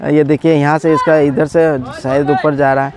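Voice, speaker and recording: With a crowd audible behind him, a man in his forties gives casual vlog commentary at an outdoor water park, his voice a little high. Despite having a cold, he's excited and talkative, laughing frequently and pausing with fillers while holding his phone out at arm's length.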